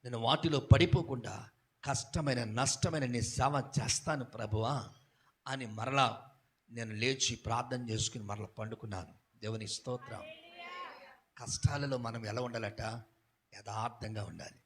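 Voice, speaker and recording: A male pastor preaching a sermon, asking the congregation questions and swinging from quiet talk to shouted passages. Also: mid-range voice, normal speed, slight background noise. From India.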